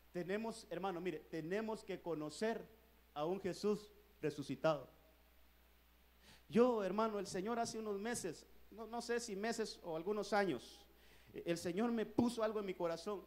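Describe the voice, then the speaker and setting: A pastor delivers a sermon to his church in a notably high voice for a man. He speaks earnestly, calls his listeners brothers again and again, and builds louder and slower on his main points. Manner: earnest preaching, repeating "hermano" often.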